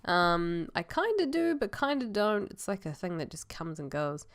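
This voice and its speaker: A woman's voice: lowish voice, very animated, moderate pace. A woman giving casual, rambling voice-over commentary as a vlog host, hesitant and sounding a little congested and choked up with a cold.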